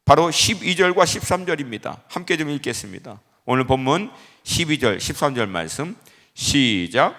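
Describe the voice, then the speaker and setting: Korean pastor preaching in an echoing church. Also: male voice, fairly high pitch, normal speed. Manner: animated storytelling with acted-out quotes. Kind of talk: sermon. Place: church sanctuary.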